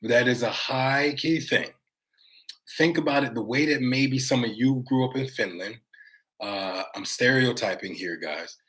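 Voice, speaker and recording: A man's voice: medium pitch, measured pace, a bit bright, rough recording. Rambling American man on a livestream. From United States. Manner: rambling, talks straight to viewers, many fillers. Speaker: vlogger reading live chat. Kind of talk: casual livestream chat.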